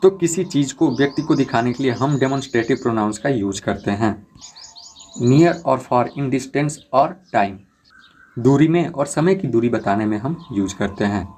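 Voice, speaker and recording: A man's voice: medium pitch, expressive, darkish tone, a little hiss or hum. Man teaching grammar, questions and answers. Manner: explains step by step, asks and answers his own questions; slows down to spell out English example sentences. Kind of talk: Hindi grammar lesson with English examples.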